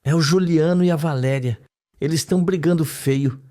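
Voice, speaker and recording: A man's voice: on the high side, normal speed, dark tone, pitched above the performer's own voice, lightly acted. A man reading the lines of a frightened young woman recalling a scene under hypnosis, in a dreamy, trembling way, for a soap opera recap. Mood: tense. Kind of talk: read-aloud soap recap.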